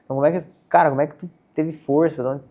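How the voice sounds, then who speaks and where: A man's voice: on the high side, fairly even intonation, rapid-fire, warm tone. A Brazilian man hosting a casual faith podcast interview, asking questions and padding them with fillers. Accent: Brazilian Portuguese. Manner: asks questions with many "cara" and "né" fillers. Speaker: podcast host.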